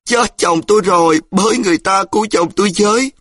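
A man's voice: on the high side, lively intonation, unhurried, dry recording, clean studio sound, pitched above the performer's own voice. A man voicing a distraught middle-aged wife who wails and moans. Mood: wailing. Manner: wailing, moaning.

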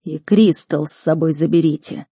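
A woman's voice: low voice, normal speed, mellow, slightly rough, no echo, clean studio sound. A woman voicing a powerful male academy rector who gives curt, firm commands. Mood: firm commanding.

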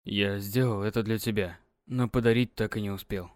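A woman voicing a brooding, heartbroken young village man who speaks in a hushed, grave and pleading way. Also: very deep voice, steady tone, moderate pace, dry recording, clean studio sound, pitched below the performer's own voice. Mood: resigned.

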